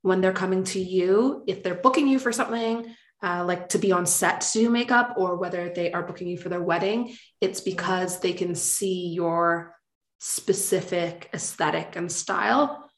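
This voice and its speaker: A woman's voice: lowish voice, normal speed. A woman with a Canadian accent hosting a podcast, asking long, enthusiastic, rambling questions. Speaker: podcast host. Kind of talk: casual interview chat. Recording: roomy echo.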